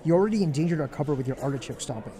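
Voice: medium pitch, animated, very fast, mellow, lightly acted. An actor playing an exasperated detective partner. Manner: earnest, exasperated. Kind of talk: comedic student film acting.

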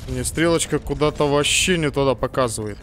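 A man's voice: mid-range voice, brisk, fairly bright tone, slight background noise. A man doing casual, informal let's play commentary, with diminutives and swearing. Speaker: gamer, let's play host.

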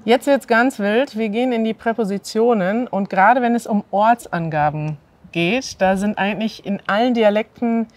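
In a courtyard by an ivy-covered wall, a northern German woman in her thirties hosts a standard German lesson outdoors, her mid-range voice moving at a moderate pace. She's clear and animated as she has her guest repeat words, and there's no room sound.

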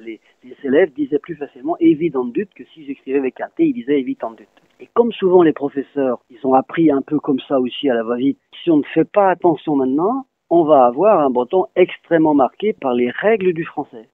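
Gravelly teacher guy spelling words out, tinny phone-ish sound. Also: a little high, no room sound. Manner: patient, spells out words letter by letter. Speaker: Breton language teacher. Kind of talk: explanatory interview answers.

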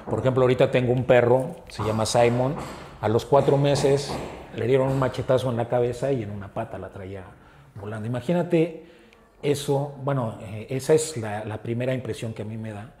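A man with a Mexican Spanish accent, an animal rescuer, talking earnestly in an interview and often pausing on filler words. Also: mid-range voice, dark tone, a little hiss or hum. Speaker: animal rescue group founder. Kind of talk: casual interview talk. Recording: roomy echo with faint ambience.

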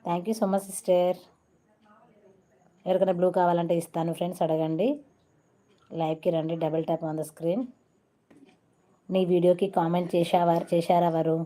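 A woman's voice: on the low side, level tone, moderate pace, long pauses, warm tone. A woman from Telangana with a Telangana Telugu accent, hosting a casual live stream, chatting and greeting viewers by name with English phrases mixed in. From Telangana, India.

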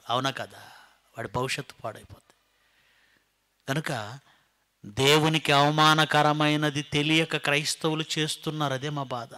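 Middle-aged guy preaching, bright ringing voice, kinda high, keeps throwing questions at the crowd, loud then soft. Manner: emphatic, rhetorical questions, swings from loud exclamations to quiet asides. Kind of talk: sermon.

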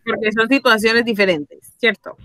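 A woman's voice: on the high side, steady tone, moderate pace, bright, forceful tone, slight background noise. A woman English teacher, giving an online class and patiently checking in with her students. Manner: patient, checks in often with questions.

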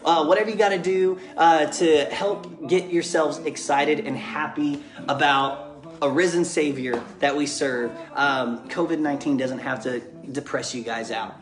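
In an echoey living room at home, a father and children's book author reads a bedtime story aloud and talks casually to viewers. His voice is fairly high and steady in tone, delivered at a measured pace with music in the background. He's captured by a camera or phone set up just beyond arm's reach.

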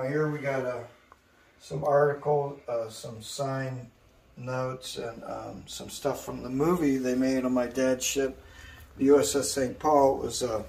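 A man in his sixties, an artist showing his studio, telling stories in a rambling way full of fillers. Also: mid-range voice. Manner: rambling storyteller, many fillers. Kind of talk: casual guided tour. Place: indoor art studio. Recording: echoey room, distant mic, faint hiss.

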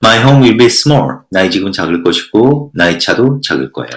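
A man teaching a textbook lesson, reading English sentences slowly before explaining each in detail. His voice sits fairly low but moves around a lot, rising and dropping as he asks and answers his own questions. The recording has a noticeable roomy echo. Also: big pitch swings, a bit bright. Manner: reads English lines slowly, then explains in Korean with rhetorical questions. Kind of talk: lecture reading and translating a textbook passage.

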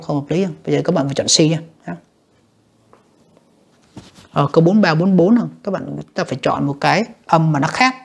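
Gravelly, husky teacher. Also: mid-range voice. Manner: reads each English option, then translates and judges it, often addressing "các bạn". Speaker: English teacher. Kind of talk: exam review lesson.

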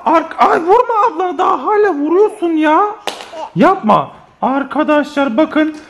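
A man filming a casual family vlog, talking playfully to his kids and the viewers. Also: very high voice. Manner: lively, playful, often laughing while talking to children and viewers. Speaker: family vlogger. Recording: noisy home video recording.

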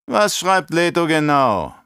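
A man's voice: fairly high pitch, sing-song, takes it slowly, vocal fry, sharp tone, clear, resonant tone, no echo, studio quality, pitched above the performer's own voice, full character voice. A man putting on a cold, growling baron. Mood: menacing. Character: scheming, menacing middle-aged male baron.

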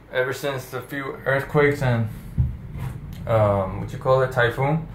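A man's voice: mid-range voice, echoey room. A nervous man vlogging on his phone in a mountain cable car, swearing often and talking himself through his fear of heights. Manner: drops to a hushed whisper at times. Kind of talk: casual vlog commentary. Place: outdoors in a gondola cable car high over mountains. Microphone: handheld phone. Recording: phone recording with wind and vehicle noise. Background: wind whistling and cable car hum.

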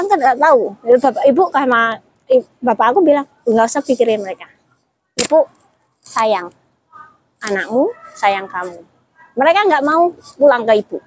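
A woman's voice: sits high, expressive, normal speed, pauses often, rough recording. A woman, talking casually as an interview guest and retelling her story with quoted dialogue and many restarts. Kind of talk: casual chat.

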